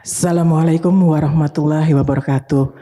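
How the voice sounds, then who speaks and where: A woman's voice: low voice, fairly even intonation, a little fast, dark tone. Polite woman in a reverberant hall. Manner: polite, formal. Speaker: audience member asking a question.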